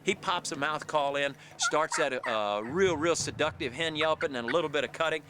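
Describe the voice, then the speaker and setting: A man's voice: on the high side, fairly quick, very noisy. A man, a turkey hunter, casually recounting a hunt in storytelling narration.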